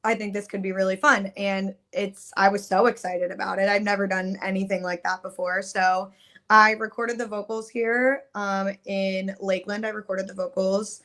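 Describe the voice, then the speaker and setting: In a casual podcast interview, a young adult singer talks cheerfully and conversationally, leaning on "like" and "um." Her medium-pitched voice is a bit bright, with little pitch movement and a moderate pace.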